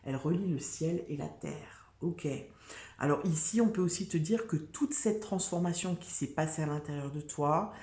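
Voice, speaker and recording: A woman's voice: deep voice, normal speed, a little mellow, echoey room. A woman giving a casual, chatty tarot reading, full of fillers, restarts and "tu vois". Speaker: tarot reader.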